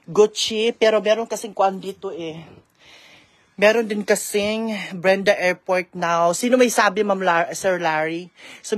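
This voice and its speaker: A woman vlogging in a casual live-stream chat, chatty, reading out viewer shout-outs and mixing in English. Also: lowish voice. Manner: code-switches freely with English.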